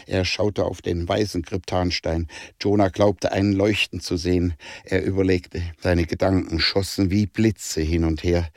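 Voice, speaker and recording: Give me a measured male audiobook narrator with a deep voice and a dry sound. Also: dry recording. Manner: calm, measured.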